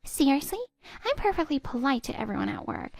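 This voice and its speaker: Woman doing spiteful 20s stepdaughter, high voice with gravelly fry, sneering. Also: sing-song, brisk, no room sound, full character voice. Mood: scornful. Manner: sneering, cutting, contemptuous. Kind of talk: text-story voice acting.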